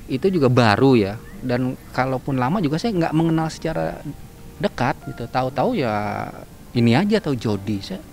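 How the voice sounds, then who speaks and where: A man in a casual interview, talking in a halting, subdued way. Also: mid-range voice, big pitch swings, vocal fry, darkish tone, a little hiss or hum.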